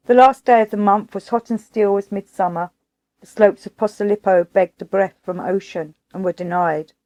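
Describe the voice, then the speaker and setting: A woman narrating an audiobook of a classic novel in a measured, unhurried way. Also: medium pitch, mellow.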